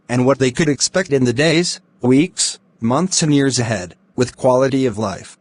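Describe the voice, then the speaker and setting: A man with a medium-pitched voice answers interview questions as a doctor. His delivery is formal and rehearsed. He words everything carefully, in a measured way. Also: no room sound. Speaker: doctor candidate in a speaking exam.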